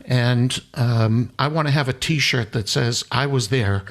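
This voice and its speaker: A man from the United States speaks as an interview guest with an earnest, unhurried warmth. He talks slowly, and his voice sits at a medium pitch. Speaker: worship leader guest. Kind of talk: interview conversation.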